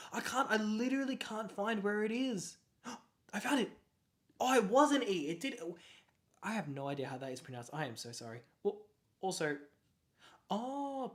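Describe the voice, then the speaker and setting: A young adult with an Australian accent chatting casually on a livestream. They ramble excitably, laugh often and keep apologizing. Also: medium pitch. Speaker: card-collecting livestreamer.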